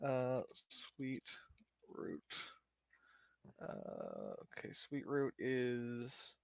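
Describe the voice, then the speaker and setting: A man's voice: mid-range voice, huge pitch swings, very slow, gravelly, smooth, dry recording. Hesitant man, dry close mic. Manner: hesitant, filler-heavy. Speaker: player. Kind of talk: tabletop role-play chat.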